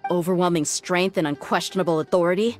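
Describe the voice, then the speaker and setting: A woman's voice: fairly low pitch, fairly even intonation, quick pace, soft background music, natural voice. A woman playing a tough young female mercenary in a video game, firm, direct and demanding. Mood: guarded.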